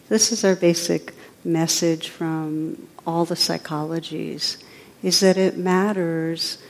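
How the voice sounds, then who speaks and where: Soft-spoken woman teaching in a reverberant hall. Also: on the low side. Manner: soft-spoken, unhurried and reflective. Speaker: meditation teacher. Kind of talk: spiritual talk with guided meditation.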